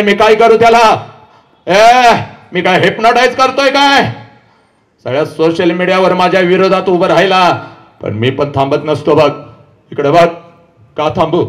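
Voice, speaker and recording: A man giving an impassioned public lecture to a live audience. He shouts, pleads and scolds his listeners directly. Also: sits high, normal speed. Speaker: public speaker addressing an audience. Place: live event before an audience.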